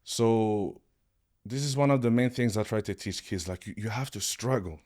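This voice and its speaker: A man from Sweden, a martial arts coach, speaking as a podcast guest in an animated, expressive way. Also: fairly low pitch, moderate pace. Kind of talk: podcast interview.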